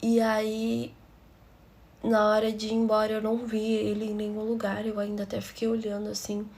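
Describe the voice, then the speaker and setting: A woman's voice: mid-range voice, completely flat delivery, moderate pace, a little mellow. A woman with a Brazilian Portuguese accent narrating a personal story for her channel in a confiding, emotional way.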